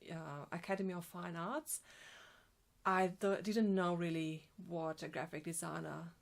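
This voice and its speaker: A Slovenian woman in her forties speaks English with a clear Slovenian accent. She talks slowly and carefully, often stopping with ums to find the next word. Her voice sits a little low. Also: steady tone. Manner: hesitant, many ums and restarts. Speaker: graphic designer, guest. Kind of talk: casual interview answers.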